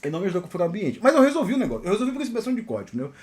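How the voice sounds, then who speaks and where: Fast, animated Brazilian man telling stories. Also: sits high. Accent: Brazilian Portuguese. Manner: animated, peppers talk with "né?". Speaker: software engineer and channel host. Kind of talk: casual storytelling monologue.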